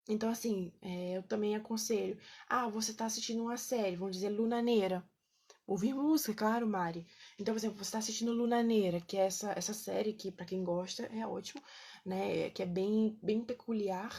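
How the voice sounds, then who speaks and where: A woman's voice: mid-range voice, fairly quick, dark tone, husky. A woman, casually teaching on a live stream, chatty, with lots of fillers and checks with her viewers. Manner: greets viewers by name between points.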